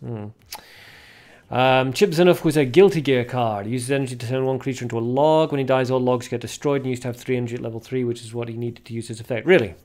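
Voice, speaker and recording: A man's voice: mid-range voice, steady tone, fast talker, darkish tone. A young man hosting a casual card-game livestream, chatting with viewers and reading card names aloud as he opens packs. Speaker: livestream host.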